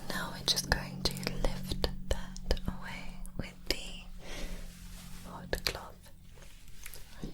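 Slow, soft spa whisper role-play, woman. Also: rough recording. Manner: gentle, attentive personal-care instructions. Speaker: spa facial therapist in ASMR role-play.

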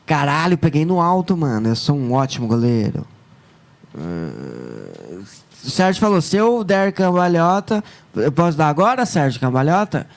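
A man hosting a live stream, joking and chatting in a playful, excitable way. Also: fairly high pitch, moderate pace, vocal fry.

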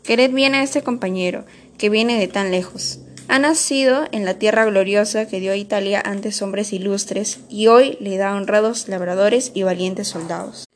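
A woman's voice: medium pitch, fairly even intonation, a little hiss or hum, natural voice. A woman voicing a stern, solemn middle-aged male schoolteacher who addresses his class in a formal, earnest tone. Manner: earnest speechmaking, measured and formal.

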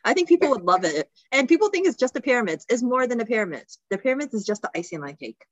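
A woman's voice: a little high, big pitch swings, rapid-fire, no echo. A young woman from Egypt, a podcast guest, talking casually and chattily with many filler words. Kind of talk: casual interview chat.

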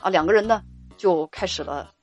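A hoarse woman telling caller stories in a lively, mocking way, quoting them as she goes. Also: a little fast, soft background music. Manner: animated, mocking, quotes callers in a lowered voice. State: hoarse from a sore throat. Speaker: radio-style advice host. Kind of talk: casual storytelling monologue.

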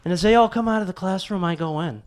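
Profane, animated stand-up comedian man. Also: sits high, quick pace, no echo. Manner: profane, exasperated storytelling with animated outbursts. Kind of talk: stand-up set.

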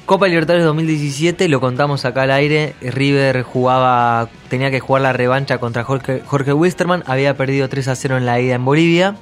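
A man with an Argentine accent, a radio host telling anecdotes in an animated casual chat in the studio. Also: mid-range voice, fairly quick, hardly any pauses. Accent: Argentine Spanish. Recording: radio studio with faint music.

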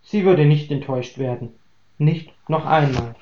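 A man reading a German story aloud in a calm, even audiobook voice. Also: fairly high pitch, unhurried, a little hiss or hum. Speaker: story reader. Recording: roomy, dull lo-fi recording.

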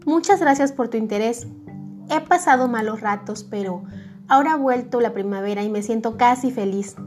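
A woman voicing a kindly, humble young gardener who speaks gently and gratefully in a storybook reading. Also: on the high side, normal speed, faint music behind, natural voice. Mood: gentle. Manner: gentle, grateful, soft-spoken.

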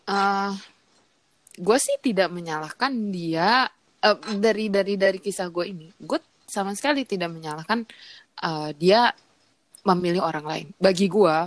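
A woman's voice: mid-range voice, a little slow. A young woman telling a rambling story in casual chat, laughing between filler words.

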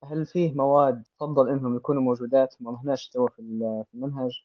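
A man with a Libyan Arabic accent, hosting a casual interview and gently drawing answers out of young guests. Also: medium pitch, steady tone, very fast, no echo, lo-fi sound.

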